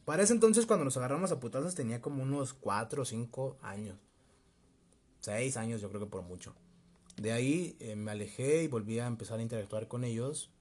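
A young man with a Mexico City accent, telling a personal story in a casual, slangy, animated way with bits of laughter. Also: medium pitch, breathy edge. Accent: Mexico City Spanish. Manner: slangy, laughing, animated retelling with quoted voices. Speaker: vlogger.

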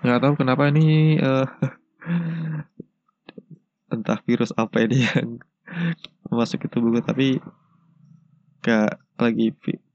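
Stuffy-nosed man, flat halting podcast talk. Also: medium pitch, no room sound. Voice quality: stuffy, congested nose from a cold. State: has a cold with a blocked nose. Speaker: podcast host. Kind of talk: casual solo podcast talk. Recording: dull lo-fi, dry sound.

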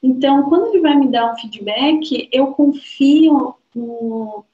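A woman's voice: high-pitched, animated, slow pace, mellow. Woman, podcast co-host, reflective casual chat, dull muffled sound. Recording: roomy, slightly dull sound.

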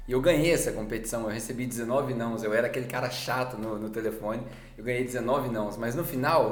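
A Brazilian man with a Brazilian Portuguese accent hosts a podcast and shares personal stories in a relaxed, conversational way. His voice sits in a mid register. The recording carries a noticeable roomy echo. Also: mid-range voice. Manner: casual, conversational, acts out quoted dialogue. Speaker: podcast host. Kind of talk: reflective personal storytelling.

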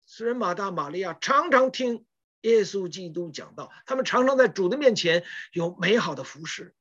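A woman's voice: medium pitch, lively intonation, normal speed, fairly bright tone, slightly rough, dull audio. A woman preaching a sermon, retelling scripture stories with emphatic rhetorical questions.

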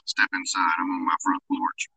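A man's voice: low voice, level tone, moderate pace, vocal fry, bright, forceful tone, slightly rough, no room sound. A man chatting casually as a podcast guest, heard through a thin, tinny phone speakerphone. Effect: tinny, thin speakerphone sound. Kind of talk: casual chat over the phone.

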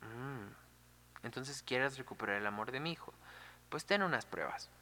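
A man doing a haughty goddess mother, bright voice. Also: medium pitch, expressive, normal speed, a little hiss or hum. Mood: scheming. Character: haughty goddess mother setting deadly trials.

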